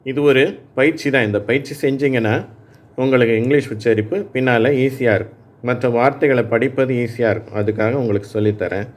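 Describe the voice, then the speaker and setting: A man teaching English phonics in Tamil, saying words aloud for learners to repeat and often checking that they follow. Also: mid-range voice. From Tamil Nadu, India. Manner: explains slowly, checking in with "சரியா?". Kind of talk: Tamil-language phonics lesson.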